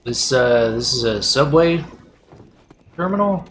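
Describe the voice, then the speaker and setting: A man streams a video game and riffs on it, joking and crude in casual banter. His voice sits at a middle pitch. Game sound plays loudly right behind him. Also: animated, a little slow, reverberant, slight background noise.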